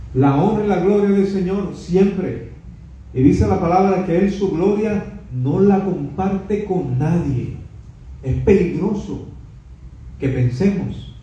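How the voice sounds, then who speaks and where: A man preaches a Bible study sermon with emphatic delivery and a mellow, dark tone. He is heard from away from the microphone. The room echoes strongly and the sound is dull. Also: on the high side, recorded from a distance. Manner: emphatic, dramatizes scripture quotes. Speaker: pastor teaching a Bible study.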